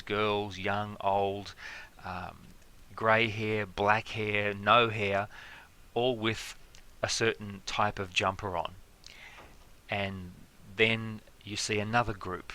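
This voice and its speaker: A man giving a relaxed, conversational lecture, filling pauses with fillers and stacking everyday examples. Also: on the low side. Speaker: teacher. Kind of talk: explanatory lecture.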